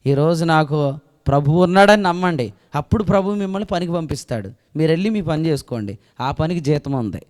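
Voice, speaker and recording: A male pastor preaching a sermon who keeps asking the congregation questions and swings between loud declarations and soft asides. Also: a little high, lively intonation, fairly quick. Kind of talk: Telugu sermon. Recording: long echo of a hall.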